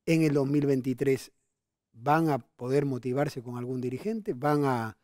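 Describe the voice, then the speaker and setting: A man giving measured political commentary as a panel guest, trailing off at the end of his sentences. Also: mid-range voice, darkish tone, dry recording, clean studio sound.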